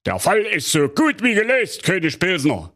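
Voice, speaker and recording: A man voicing a pompous, officious police inspector in a comic fairy tale, with a slow, know-it-all drawl. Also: sits high, huge pitch swings, pushed and bright, pitched above the performer's own voice, exaggerated voice. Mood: smug.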